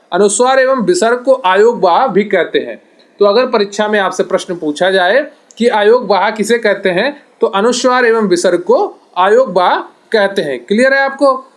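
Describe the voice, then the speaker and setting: A man teaching an exam-prep grammar lesson, repeating definitions and asking and answering his own questions. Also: sits high.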